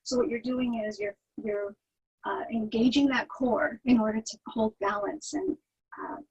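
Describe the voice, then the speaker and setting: Soothing, husky woman yoga teacher, unhurried. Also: on the high side, lively intonation, a little mellow, highs cut off. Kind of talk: guided yoga instruction.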